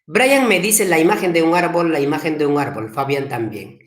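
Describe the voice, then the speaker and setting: A man teaching an online language class, repeating his questions slowly and coaxing students to answer in the chat. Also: a little high. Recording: echoey room.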